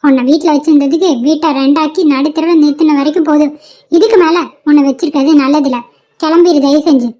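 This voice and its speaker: A woman's voice: high-pitched, fairly even intonation, quick pace, dark tone, muffled recording, close to an everyday voice. A woman voicing a stern, angry mother in a cartoon, scolding harshly. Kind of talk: cartoon voice acting.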